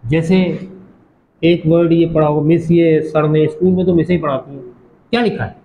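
A Pakistani college teacher patiently explains English pronunciation to his class, saying words slowly and asking the students questions. His voice is fairly high, steady and warm, though the audio quality is poor.

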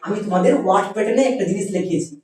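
A teacher giving a spelling and pronunciation lesson, patient and repeating words slowly for students. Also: medium pitch, a little mellow, very echoey, far from the mic, a little hiss or hum, rough recording.

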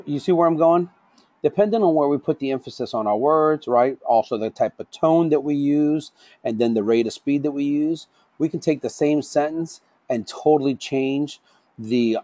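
A middle-aged man lecturing an online safety course at a brisk, self-confessed fast pace. He keeps checking in with his listeners, voice sitting mid-range. The recording is dry and close, with no room sound. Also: mid-range voice, dark tone, dry recording. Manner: says he talks fast, tags lines with "right?" and "okay?". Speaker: safety trainer.

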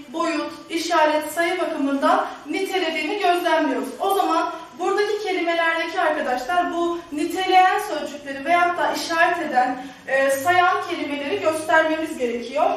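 A woman's voice: very high-pitched, far from the mic. A woman teacher giving a classroom grammar lesson, who keeps addressing her students and asks and answers her own questions. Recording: very echoey room, voice off-mic, faint noise.

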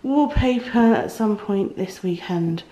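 A woman's voice: mid-range voice, lively intonation, slow pace, dark tone, rough recording. A British woman in her thirties chatting casually to a handheld camera as she shows a house renovation. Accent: British English. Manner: chatty, talking to camera while walking around. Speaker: vlogger. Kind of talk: casual vlog chat. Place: house under renovation, indoors. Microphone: handheld camera at arm's length.

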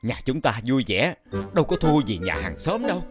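Man as cheerful gentle husband, lively pitch, music under. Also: moderate pace, lightly acted. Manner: gentle and reassuring. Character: kind, cheerful old village husband. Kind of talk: 3D cartoon dubbing.

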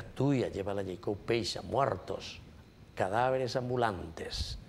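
A man with a Paraguayan Spanish accent, a priest preaching a homily with emphatic repetition, sudden loud rises and phrases in Guaraní. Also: fairly low pitch, vocal fry, slight background noise. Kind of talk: sermon.

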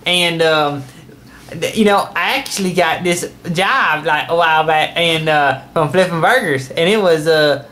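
A man playing a simple, proud country uncle, folksy and halting, rambling and repeating himself in a homemade skit. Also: extremely high pitch, lively intonation, creaky, bright, forceful tone, echoey room, voice pushed up, full character voice.

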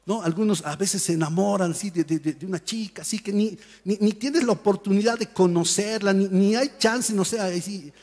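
High-voiced animated male pastor, echoing hall. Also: normal speed, few pauses. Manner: animated storytelling, acts out voices and shouts. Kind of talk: sermon. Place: church hall.

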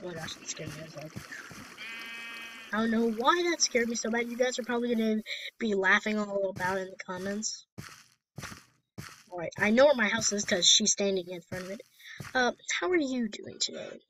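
A young woman chatting casually as she plays through a video game, giggly and quick to burst into dramatic outbursts. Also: mid-range voice, fairly bright tone, a little hiss or hum, poor audio. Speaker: gaming YouTuber. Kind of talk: casual let's-play commentary.

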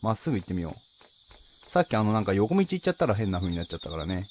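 Nervous man commentating with wildly swinging pitch. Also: very animated, quick pace, noisy background. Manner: nervous, pleading, talks to himself and viewers. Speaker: video game player and commentator. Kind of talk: casual horror game let's-play commentary.

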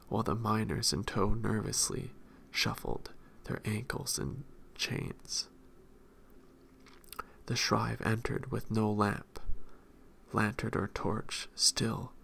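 A man reading a fantasy novel aloud in a soft-spoken voice that often drops into whispers. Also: fairly low pitch, gravelly, slight background noise. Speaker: audiobook reader.

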